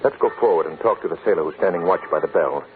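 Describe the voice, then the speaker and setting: An actor playing a composed, resolute gentleman sleuth, polite and assured, in a 1940s radio drama. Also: low voice, very fast, close to an everyday voice. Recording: noisy, tinny 1940s radio broadcast.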